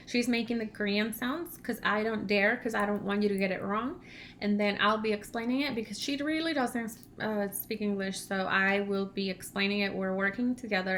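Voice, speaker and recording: A woman whose first language is Spanish, chatting casually in an animated, storytelling way as a vlog host. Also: on the high side, slight background noise. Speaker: channel host, language learner.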